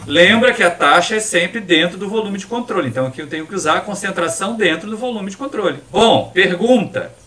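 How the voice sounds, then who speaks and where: A man's voice: high voice, brisk, few pauses. A male chemical engineering professor with a Minas Gerais accent, lecturing live in a classroom and quizzing his students. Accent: Minas Gerais Portuguese. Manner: animated, quizzing students with questions. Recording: distant mic in a classroom.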